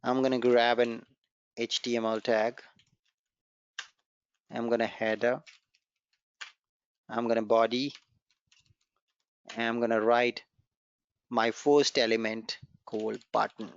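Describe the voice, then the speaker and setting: A man whose first language is Gujarati teaches a live online coding class, his medium-pitched voice smooth, slow and with little pitch movement, pausing often. As an encouraging programming instructor, he repeats key points and walks through the code step by step, captured in a dry, dull lo-fi recording.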